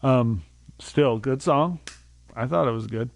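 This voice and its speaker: A man's voice: medium pitch, slow, gravelly, no echo. A young man streaming a game, rambling and mocking himself, now and then breaking into silly made-up songs. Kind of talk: casual gaming stream chatter. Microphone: desk mic.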